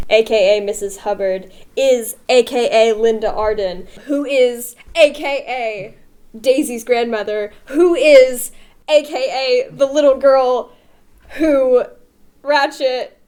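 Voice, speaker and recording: A woman's voice: fairly high pitch, darkish tone. A woman co-hosting a casual film-review podcast, playful and chatty, often giggling. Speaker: podcast co-host.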